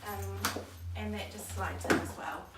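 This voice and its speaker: At a baby store, a young New Zealand woman presents a stroller in a medium-pitched monotone at a measured pace. She chats casually, filling gaps with um. The sound is distant and roomy, captured by a far-off camera mic amid loud background noise.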